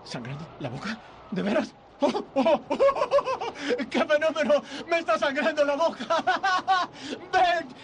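A frantic young husband in a dubbed film. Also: male voice, very high-pitched, a little slow, background noise. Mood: elated. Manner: pleading, breathless and excited delivery. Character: desperate young husband and father, frantic then overjoyed.

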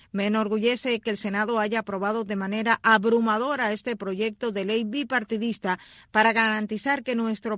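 A woman's voice: mid-range voice, fairly bright tone, no echo. A woman anchoring radio news, reading scripted items and handing over to colleagues.

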